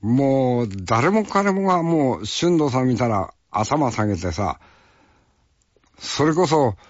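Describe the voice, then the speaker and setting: Slow, folksy man reminiscing. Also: mid-range voice, very animated, no room sound, muffled recording. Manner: rough, folksy, peppers speech with tag questions. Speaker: actor. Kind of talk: casual storytelling reminiscence.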